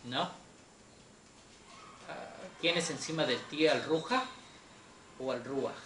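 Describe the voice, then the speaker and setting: Slow, patient male Hebrew teacher. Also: medium pitch, sharp tone. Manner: slow, patient, checks in with students often. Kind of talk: explaining a Torah class. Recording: echoey room with faint noise.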